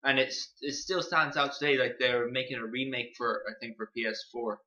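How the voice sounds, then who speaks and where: A man's voice: medium pitch, moderate pace, bright, forceful tone. A young man co-hosting a casual gaming podcast, talking plainly and loosely. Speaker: podcast co-host. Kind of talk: casual chat. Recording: muffled lo-fi mic.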